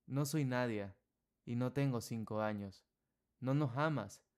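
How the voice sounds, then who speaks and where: Narrator voicing a bitter nine-year-old boy, quiet and reproachful, storybook. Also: medium pitch, measured pace, clean tone, natural voice.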